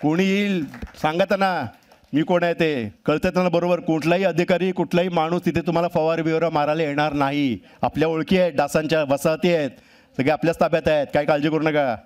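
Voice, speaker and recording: A man's voice: fairly high pitch, steady tone, a little fast, a little mellow, close to an everyday voice. A man voicing a father mosquito who boasts about his connections and reassures his children. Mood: boastful.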